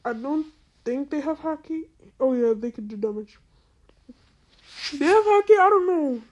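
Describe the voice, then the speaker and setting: This voice-changed, female-sounding gaming host pitches high, with lively intonation and a moderate pace. Their casual play-by-play is slangy, repetitive and packed with incredulous exclamations.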